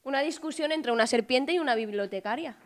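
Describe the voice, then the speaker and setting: A woman telling rapid-fire jokes in a deadpan way, doing both sides of each exchange. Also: high voice. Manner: quick deadpan one-liners, acting out both sides of each joke. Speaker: joke teller.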